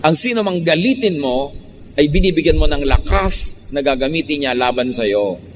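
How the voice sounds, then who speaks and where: A man with a Filipino accent preaching a sermon, moving between calm low emphasis and sudden high animated bursts. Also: normal speed. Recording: long hall reverb, faint background noise.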